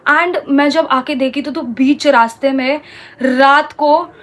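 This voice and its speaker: High-voiced woman. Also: fairly even intonation, takes it slowly, a bit bright. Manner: heated, indignant storytelling mixing Hindi and English. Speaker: vlogger. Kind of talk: storytime vlog.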